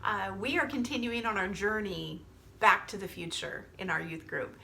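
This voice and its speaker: A woman with a bright, forward voice at an average pitch delivers an informal youth sermon. She sounds earnest and talks straight to her listeners as their group leader. A little background noise sits behind her voice. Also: animated, moderate pace, creaky.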